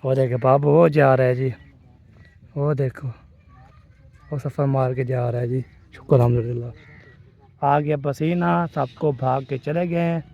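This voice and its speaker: A man's voice: mid-range voice, fairly even intonation, unhurried, vocal fry, pauses often, dull audio. A man vlogging casually to camera on his phone while walking outdoors in hot village fields, rambling and repeating filler phrases. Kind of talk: casual family vlog to camera. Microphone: phone camera held while walking.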